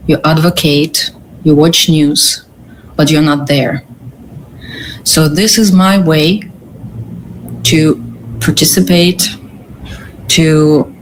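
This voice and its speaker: Ukrainian-accented woman guest, slow and halting, faint hiss under the voice. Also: low-pitched, rough recording. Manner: earnest, halting with pauses and restarts. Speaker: guest, curator. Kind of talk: interview answers.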